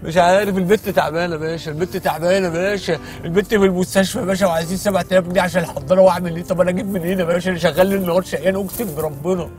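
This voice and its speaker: An Egyptian man hosting a hidden-camera prank as a taxi driver, pleading and swearing oaths in quick street banter inside a taxi. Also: high-pitched, fairly even intonation, a little mellow, faint music behind. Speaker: prank show host posing as a taxi driver.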